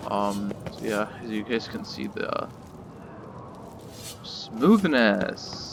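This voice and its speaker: A man's voice: lowish voice, monotone, moderate pace, background noise. A man hosting a gaming channel, talking casually over gameplay footage with lots of fillers and a mildly sarcastic edge.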